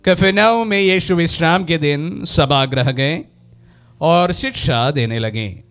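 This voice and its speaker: High clear-voiced priest giving a sermon in church, soft music under it. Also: male voice. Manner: slow, measured preaching. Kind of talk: gospel reading and homily at Mass.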